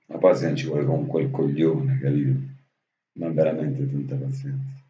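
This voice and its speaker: A man talks in a casual, heartfelt monologue, circling back to the same words and dropping the odd swear. His voice sits very low and dark. The recording is dull and lo-fi, with a roomy echo. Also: flat delivery, moderate pace, slight background noise. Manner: affectionate, repetitive, swears casually. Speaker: vlogger speaking to his absent brother. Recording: dull lo-fi audio in an echoey room.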